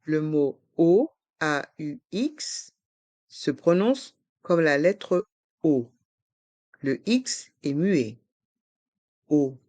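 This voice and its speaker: A teacher drilling pastry words, repeating each word slowly and spelling out its letters. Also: medium pitch, big pitch swings, darkish tone, dry recording. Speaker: French pronunciation teacher. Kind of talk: slow pronunciation drill.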